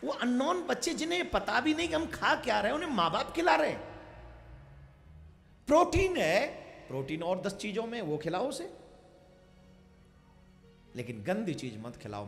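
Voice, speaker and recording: A man's voice: high-pitched, sing-song, moderate pace, vocal fry, pauses often, a bit bright, big-room sound, faint music behind. A man preaching to a crowd in a sermon tent, pleading and impassioned. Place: large outdoor sermon tent.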